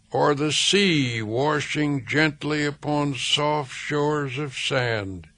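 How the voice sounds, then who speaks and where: A man reading a self-help book aloud as scripted narration, slow, measured and soothing, with deliberate pauses. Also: fairly high pitch, fairly bright tone, dry recording. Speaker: audiobook reader.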